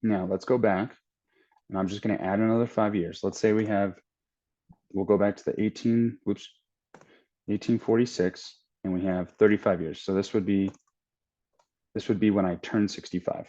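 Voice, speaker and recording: He's a trading-channel host in his thirties whose warm, fairly low voice keeps a fairly even intonation at normal speed, pausing often. Calculating on screen, he thinks out loud with plenty of restarts in a relaxed walkthrough. Sound quality is dull and lo-fi.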